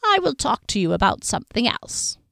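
A woman voicing a patronizing male wizard diviner with a nasal, sibilant voice and slow, knowing pronouncements. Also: on the high side, very animated, creaky, bright, forceful tone, no room sound, studio quality, exaggerated voice. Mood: ominous.

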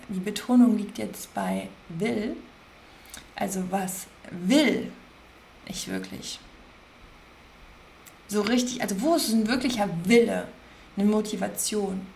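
A woman hosting a podcast, gently guiding listeners through self-reflection, slowly repeating questions and stressing single words. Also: medium pitch, vocal fry, a little hiss or hum. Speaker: podcast host, coach. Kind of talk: guided self-reflection talk.

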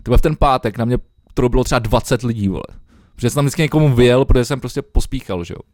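A man's voice: medium pitch, darkish tone, no room sound, clean studio sound. A young man co-hosting a podcast over a remote call, chatting loosely with lots of swearing and fillers. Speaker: podcast co-host. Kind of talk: casual chat.

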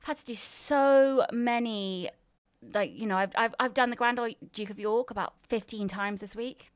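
A woman's voice: fairly high pitch, moderate pace, smooth, no room sound. Boastful woman in comedy chat. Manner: self-important, theatrical showbiz boasting. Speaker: co-host. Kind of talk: improvised comedy chat in character.

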